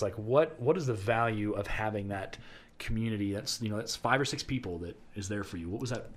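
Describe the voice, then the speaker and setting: A young man hosting a casual podcast chat, playful and jokey, laughing often as he talks. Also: fairly low pitch. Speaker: podcast host, former student teacher.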